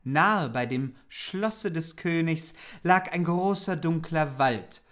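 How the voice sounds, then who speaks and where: A playful man reads an old fairy tale aloud as a podcast co-host, chatty and quick to interrupt. His voice is bright and forceful, and he reads at an unhurried pace. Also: fairly high pitch. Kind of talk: improvised fairy tale reading.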